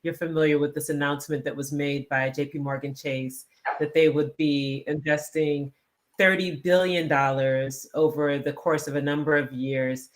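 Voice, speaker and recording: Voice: medium pitch, flat delivery, moderate pace. Host framing questions at length. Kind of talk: live panel discussion.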